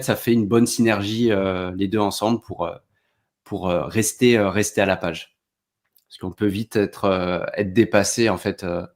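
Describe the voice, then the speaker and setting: Male trainer, fairly low voice, casual hesitant delivery with frequent fillers, addresses viewer directly. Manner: hesitant, many fillers and restarts. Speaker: content creation trainer. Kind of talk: casual online tutorial.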